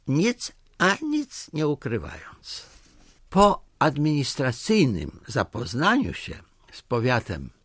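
The voice is a man reading a story aloud at an unhurried pace, his pitch rising and falling with plenty of life. The recording is dry and close, with no room sound. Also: no room sound. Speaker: narrator. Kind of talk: storybook narration.

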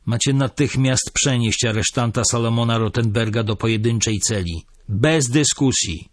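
A man's voice: mid-range voice, dry recording, studio quality, close to an everyday voice. A man voicing a stern, cool-headed police officer who speaks firmly and coldly. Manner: firm, measured, cold.

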